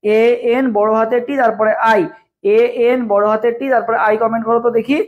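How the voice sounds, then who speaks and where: A man's voice: extremely high pitch, fairly even intonation, a little fast. A young man, teaching a live online class for admission tests and drilling students with repeated questions. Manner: asks viewers to type along in the comments. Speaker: admission test tutor. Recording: dull lo-fi stream audio.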